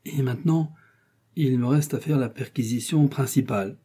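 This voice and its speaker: A man's voice: mid-range voice, moderate pace, warm tone, slightly rough, close to an everyday voice. A man reading the part of an embarrassed royal chancellor, formal and insistent.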